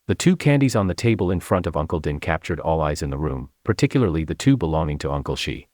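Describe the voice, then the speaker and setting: Deep-voiced man narrating. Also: quick pace, no echo, clean studio sound. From China. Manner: expressive storytelling. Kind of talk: audiobook memoir narration.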